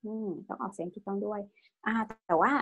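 The recording is muffled, and the woman speaks fast at medium pitch in a gravelly, somewhat bright and slightly rough voice. She's running an online language lesson, patiently asking students questions, drilling their pronunciation and tagging each phrase with polite particles.

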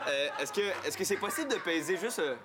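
A man's voice: sits high, animated. Hesitant man with a Quebec accent. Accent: Quebec French. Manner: hesitant, halting. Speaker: massage client character. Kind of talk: sketch comedy acting.

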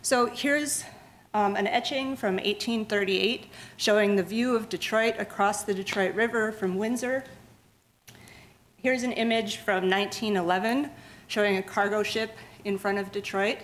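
At normal speed and medium pitch, a woman lectures on science for the public in a lecture room. She is a museum lecturer whose steady explanations are marked by frequent restarts and fillers.

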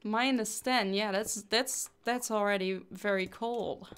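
A woman's voice: medium pitch, fairly even intonation, unhurried, a bit bright, clear, resonant tone. A young woman chatting casually through a game livestream, giggling often and thanking viewers as she plays.

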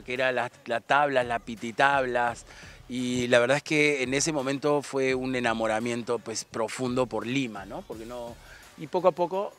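A man from Argentina in his fifties, a guest talking reflectively and rambling a little, recorded outdoors on a tennis court with a handheld mic. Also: mid-range voice. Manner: reflective, warm-hearted, rambling with restarts. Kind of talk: relaxed outdoor interview chat. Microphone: handheld microphone.

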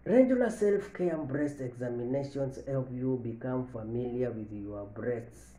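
A man in his thirties giving a health lesson to camera from an office, slowly repeating each point and stressing the key lines. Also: medium pitch, mellow. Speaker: medical educator. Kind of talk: health education talk to camera. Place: office with large window, indoors. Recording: echoey room.

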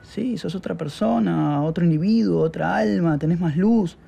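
A gravelly, preachy new-age healer. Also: male voice, sits high, mellow, full character voice. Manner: preachy, slow, sermonizing.

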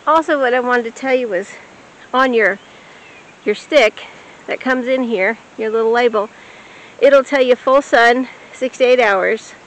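A woman explaining how to plant and feed cabbages in a relaxed, practical way, recorded outdoors in a rural garden. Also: fairly high pitch, rough recording. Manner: relaxed and practical, with filler pauses. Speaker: homestead vlogger.

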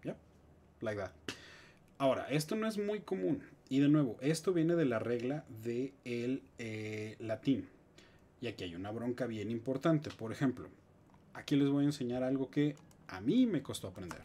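A man with a Mexican Spanish accent, teaching English grammar in a live stream with lively explanations and joking asides. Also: medium pitch, normal speed, a little hiss or hum.

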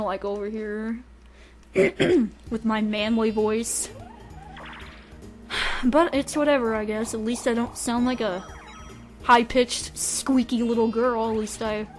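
Young woman rambling thru a let's play, kinda high voice, curses a lot, faint game music behind. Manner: rambling, candid, swears freely. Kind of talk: casual gameplay commentary. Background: faint video game music.

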